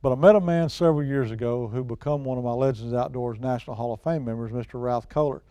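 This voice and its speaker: A guest expert known from outdoors shows, this middle-aged or older man talks hunting and tells stories casually, folksy and plain-spoken. His medium-pitched voice is dark and smooth, and he speaks at a quick pace. No echo is present.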